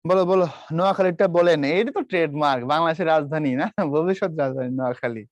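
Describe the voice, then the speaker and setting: A man's voice: fairly high pitch, fast, no echo, highs cut off. A man from Bangladesh teaching a live online class, quizzing students and imitating regional dialects. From Brahmanbaria, Bangladesh.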